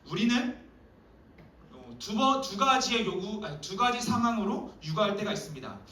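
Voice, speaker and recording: A man preaching a sermon to a youth group, lively and acting out quoted dialogue. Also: high voice, moderate pace. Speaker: youth pastor. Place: church hall. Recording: echoey hall, voice from a distance.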